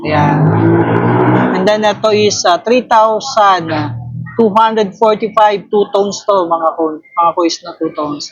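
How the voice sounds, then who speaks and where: A man with a Filipino accent casually narrating a walk through a watch store, slow and relaxed, often ending lines with "no?". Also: high-pitched, highs cut off, faint music behind. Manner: slow, relaxed, filler-heavy, tags lines with "no?". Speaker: vlogger touring a watch shop.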